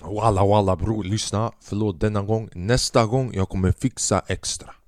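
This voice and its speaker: A man's voice: fairly low pitch, fairly even intonation, a little mellow, dry recording. A man hosting a podcast, telling rambling comedic stories full of swearing and acted-out dialogue. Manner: profane, rambling, acts out quoted people. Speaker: podcast host. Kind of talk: casual comedic storytelling monologue.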